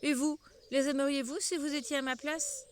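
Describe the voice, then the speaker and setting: An older woman voicing a touchy little mouse in a storybook reading, piercing when angry and trembling when low. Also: steady tone, moderate pace, slight background noise, close to an everyday voice. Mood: angry shrill.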